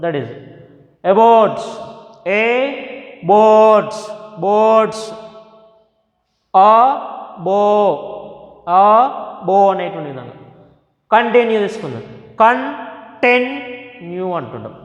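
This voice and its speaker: Male teacher, Telugu accent, higher voice, drawn-out classroom drilling, big reverberant hall. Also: lively intonation, highs cut off. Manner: slow, drawn-out, repeating words to model stress. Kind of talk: classroom lesson mixing English and Telugu. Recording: echoey hall with long reverb.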